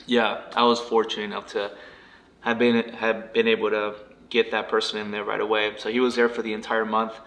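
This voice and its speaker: A man answering interview questions as a guest in a laid-back, brief, halting way. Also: lowish voice, completely flat delivery, a bit bright. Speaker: guest, rental property investor.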